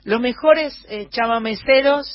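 A woman's voice: a little high, measured pace. A woman with a Rioplatense Argentine accent hosting a casual radio chat, talking with lots of fillers and hesitations. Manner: chatty, filler-heavy, hesitant. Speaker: radio host. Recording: muffled radio broadcast.

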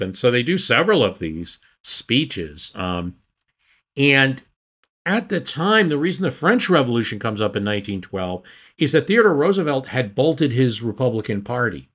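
A man's voice: mid-range voice, fairly bright tone, husky. A man explaining history in a casual, storytelling podcast manner, with occasional restarts. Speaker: history podcast host or guest.

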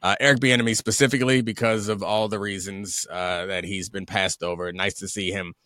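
A man's voice: low-pitched, steady tone, fairly quick, sharp tone, dry recording, clean studio sound. A man co-hosting a sports podcast with wry, conversational casual commentary.

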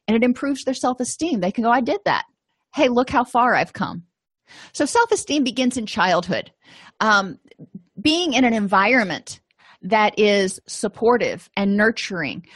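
A middle-aged woman from Florida talks through a course lesson at a medium pitch. She is chatty and self-deprecating, with lots of easy asides. The recording is close and dry, with no room sound. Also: no echo. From Florida, USA. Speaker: counseling course instructor. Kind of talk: informal lecture.

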